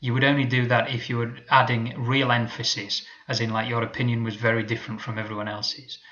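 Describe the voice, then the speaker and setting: A man teaching an English lesson, explaining patiently and modelling example sentences slowly. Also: medium pitch, flat delivery, bright, forceful tone, highs cut off.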